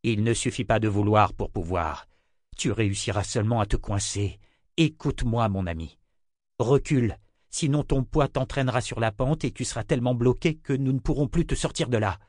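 A man as a calm, resolute adventurer. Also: mid-range voice, normal speed, no echo, studio quality, natural voice. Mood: firm, calm. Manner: firm, calm, commanding.

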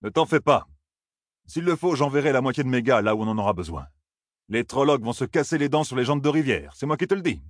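A man's voice: mid-range voice, big pitch swings, fast, no echo, clean studio sound, pitched above the performer's own voice, lightly acted. A man playing a cocky archer captain. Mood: confident. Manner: reassuring, boastful. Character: confident middle-aged male archer captain, cheerful.

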